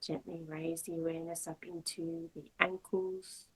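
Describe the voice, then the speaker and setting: Slow, measured meditation instructions come from a woman yoga teacher, delivered in short, gentle phrases with long pauses. Her low, husky voice keeps a level tone, and the recording is low quality.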